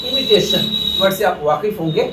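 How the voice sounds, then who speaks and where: A man's voice: sits high, lively intonation, brisk, heavy background noise. A man from India gives a spoken lesson, explaining step by step and calling his viewers friends. He sits some distance from the mic, so the voice carries the echo of the room around him. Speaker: English teacher. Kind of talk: Hindi lesson talk.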